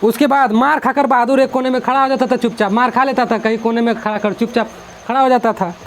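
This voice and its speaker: Guy teaching a hindi chapter, chatty and keeps repeating, really high voice. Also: fairly even intonation, quick pace, a little hiss or hum. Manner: chatty, repetitive, mixes in English words. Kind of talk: explaining a school literature chapter.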